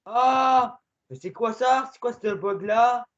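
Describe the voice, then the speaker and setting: A man giving casual gaming commentary while playing with a friend, excitable and swinging between muttering and shouting. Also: extremely high pitch, slow, highs cut off.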